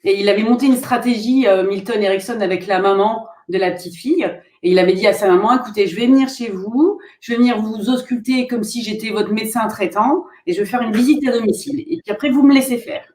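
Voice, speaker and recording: Calm French woman in an echoey room. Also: on the high side, fast, hardly any pauses. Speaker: therapist. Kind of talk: casual discussion between therapists.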